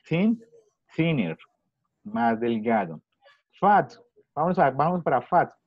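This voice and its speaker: A man's voice: medium pitch, big pitch swings, takes it slowly, no room sound, muffled recording. A man teaching an online English class to children in Spanish, patiently repeating his questions. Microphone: video call.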